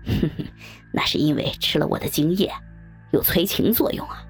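A woman doing gruff leering young men. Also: normal speed, faint music behind, full character voice. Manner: voice pushed low and gruff.

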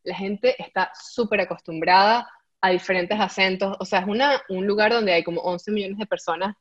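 A woman telling her story in casual chat, animated, laughing often and dropping English words into her Spanish. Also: mid-range voice, normal speed. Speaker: guest. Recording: dull lo-fi audio.

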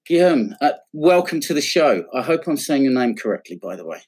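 A man's voice: mid-range voice, sing-song, brisk, darkish tone, breathy edge. A man hosting an interview podcast. He speaks in a friendly, self-deprecating way, with frequent restarts and fillers. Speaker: podcast host.

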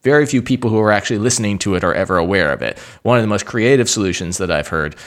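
A man's voice: on the low side, animated, very fast. A man talking as a podcast guest in casual chat, rambling with many restarts.

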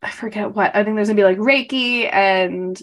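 A woman's voice: medium pitch, brisk. A woman, co-hosting a podcast in casual chat, congested from allergies and laughing often. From New York. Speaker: podcast co-host.

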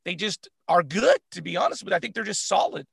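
High-pitched gravelly man, animated sports chat. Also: fast talker, no room sound, clean studio sound. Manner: animated, laughs often, lots of "like". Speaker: co-host.

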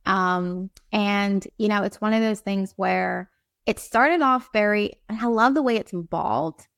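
Woman guest from Barbados, slightly gravelly, dry close sound, upbeat and chatty. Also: mid-range voice, measured pace, fairly bright tone, no echo. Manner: chatty, many fillers, upbeat. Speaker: guest, time management coach. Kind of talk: casual interview talk.

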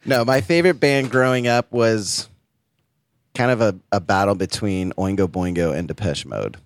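A man's voice: lowish voice, expressive, normal speed. Laid-back man co-hosting a podcast. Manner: laid-back, laughs often. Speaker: podcast co-host. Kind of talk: casual podcast chat.

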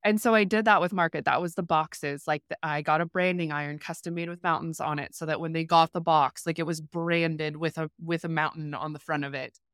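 A woman's voice: low-pitched, fairly quick, hardly any pauses, clean tone, no echo. Chatty woman telling a story, dry sound. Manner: animated, lots of "like" fillers, acts out quotes. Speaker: podcast guest, rural entrepreneur. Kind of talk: candid storytelling in conversation.

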